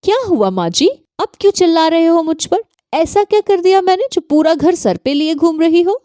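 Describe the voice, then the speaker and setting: A woman voicing a bossy, sharp-tongued young daughter-in-law who scolds defiantly in a high voice. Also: sing-song, a little slow, no echo, studio quality. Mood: scolding.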